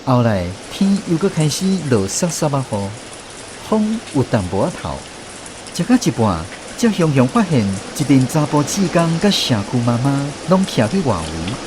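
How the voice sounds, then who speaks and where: A man's mid-range, natural voice carries a very animated, normal-speed narration in a scripted radio drama. With a Taiwanese accent, he plays a reflective troupe director reminiscing about his touring days in a storytelling style, with music in the background.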